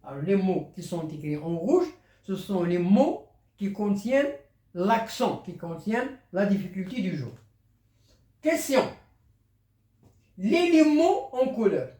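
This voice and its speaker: A teacher explaining a French spelling lesson, slow, repetitive and patient. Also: mid-range voice, sing-song, mellow. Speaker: primary school teacher. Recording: roomy, distant from the mic.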